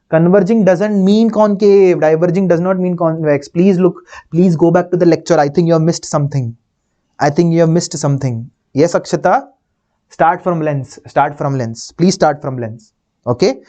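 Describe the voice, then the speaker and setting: Higher-voiced Indian man teaching physics. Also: dark tone, dull audio. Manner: repeats phrases, questions and answers himself; informal, checks understanding with tag words. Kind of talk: live online lecture, solving problems step by step.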